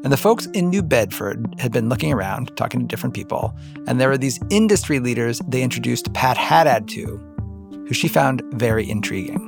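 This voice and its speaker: A man co-hosting a podcast, telling the story in a relaxed conversational way with playful asides. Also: mid-range voice, a little fast, vocal fry, music in the background. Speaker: podcast co-host.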